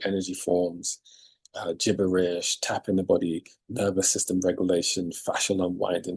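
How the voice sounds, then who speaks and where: Deep, gravelly, very husky male coach. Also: dark tone, rough recording. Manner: emphatic, repeats key phrases for effect. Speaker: leadership and performance coach. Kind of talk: motivational monologue to camera.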